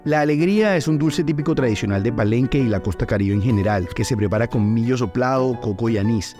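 A man giving calm scripted narration for a documentary. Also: mid-range voice, fast talker, music in the background.

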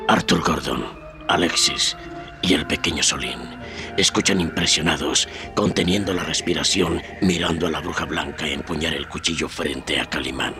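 A man's voice: a bass voice, moderate pace, music in the background. A man narrating an adventure radio serial as a grave, suspenseful storyteller.

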